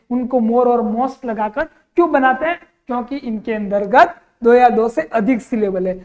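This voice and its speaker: A man teaching an exam-prep grammar lesson, quizzing the class with repeated questions and answers. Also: extremely high pitch. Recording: long reverb in a hall.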